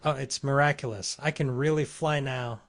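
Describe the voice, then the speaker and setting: A man reading the lines of a brash, quick-tempered young man in a comic recap, with an indignant, complaining delivery. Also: medium pitch, steady tone, dry recording, studio quality, lightly acted.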